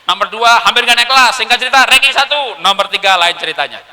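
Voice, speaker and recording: Bright-voiced man speaking in a reverberant hall. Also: extremely high pitch, quick pace. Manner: animated storytelling, acting out quotes. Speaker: parenting seminar speaker. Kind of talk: public seminar talk. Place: event hall.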